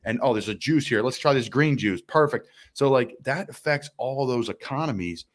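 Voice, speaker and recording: A man in his twenties hosting a casual interview, talking with enthusiasm and quick asides. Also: medium pitch, animated. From United States. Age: 20s. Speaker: podcast host.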